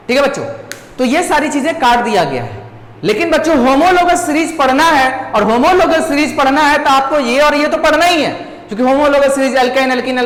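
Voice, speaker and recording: A man's voice: extremely high pitch, fairly bright tone. A man, a teacher walking students through a syllabus lesson and often checking in with them. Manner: addresses students as children, repeats checks like "okay children". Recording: echoey room.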